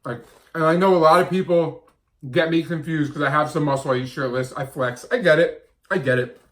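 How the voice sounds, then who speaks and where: A man's voice: on the high side, a little fast, fairly bright tone. A man in his thirties talking casually to camera as a vlogger and diet coach, blunt and emphatic, often repeating his points. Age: 30s.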